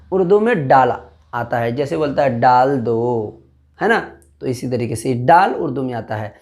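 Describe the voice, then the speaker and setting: An Urdu teacher with a high-pitched, darkish voice gives an online alphabet lesson. He recites the letter names one at a time, repeats his points and quizzes the viewer to make sure they follow.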